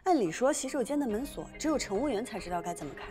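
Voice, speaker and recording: An actress playing a spirited young airline pilot, brisk and chatty, putting on a brave face in a TV drama. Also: female voice, fairly high pitch, lively intonation, close to an everyday voice. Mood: earnest. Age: young adult. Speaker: actor in a television drama. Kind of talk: naturalistic TV drama acting. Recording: music behind the dialogue.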